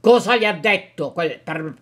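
A man voicing a hot-tempered young peasant who makes forceful, insistent demands, in a dramatic reading of a novel. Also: high voice, animated, a little slow, pitched above the performer's own voice. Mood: angry demanding.

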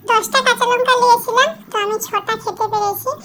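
A woman's voice: extremely high pitch, fairly even intonation, a little fast. A woman vlogger talking casually through a food challenge, her mouth burning from spicy food. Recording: loud windy background noise.

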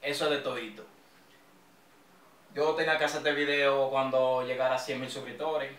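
A man's voice: mid-range voice, steady tone, normal speed, a bit bright. A young man with a Dominican accent, vlogging in a rowdy, joking, slangy way. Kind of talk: casual street-slang vlog. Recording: echoey room, mic a bit distant.

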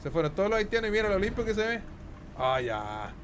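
A man with a Chilean accent giving live gameplay commentary as a streamer, excitable, exclaiming and swearing casually. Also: high-pitched, rapid-fire, slight background noise.

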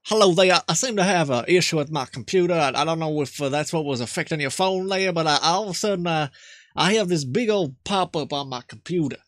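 A man's voice: on the high side, fairly quick, a bit bright, close to an everyday voice. A man voicing a flustered, rambling rural old man who stammers and repeats himself in a comedy prank call. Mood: flustered, folksy.

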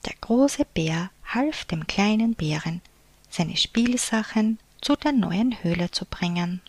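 A woman reading a picture book aloud to children in a soft, unvoiced whisper, as a whispered storybook reading. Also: medium pitch, animated, takes it slowly, no echo.

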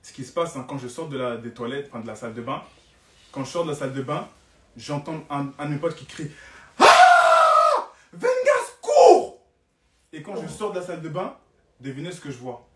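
A man's voice: mid-range voice, quick pace, slight background noise. Dramatic young man telling a story, roomy and distant. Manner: dramatic, repeats phrases for emphasis. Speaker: live streamer telling a story. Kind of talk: animated storytelling.

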